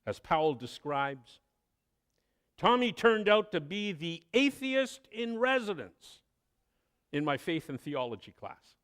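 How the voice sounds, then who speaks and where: A man preaching a sermon, telling a story with expressive delivery and dramatic pauses. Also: high-pitched, clean tone. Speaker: pastor.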